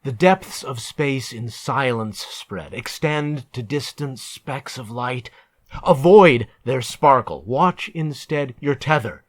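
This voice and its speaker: A poet with a medium-pitched voice recites his own narrative poetry, delivering it in a deliberate, measured, theatrical manner.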